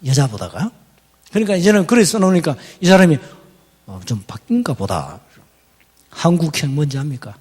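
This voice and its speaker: A middle-aged pastor, preaching a folksy, teasing sermon. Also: male voice, on the high side, sing-song, normal speed, long pauses, a little mellow, slightly rough, in a large hall. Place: church hall.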